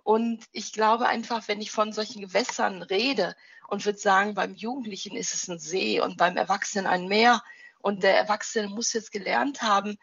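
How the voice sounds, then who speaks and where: A middle-aged woman, a grief counselor, calmly explaining with stories about children. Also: mid-range voice, moderate pace, creaky, lo-fi sound, slight background noise. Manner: calm, explains with vivid child anecdotes and images. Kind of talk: interview answers, storytelling with examples.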